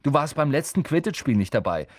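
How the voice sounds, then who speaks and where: Schoolboy sidekick, read by a man, proud and bubbly, husky voice. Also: on the high side, fairly quick, no echo, studio quality, voice pushed up. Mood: excited. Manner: proud, excited. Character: young boy, cheeky school friend. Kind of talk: audiobook character voice.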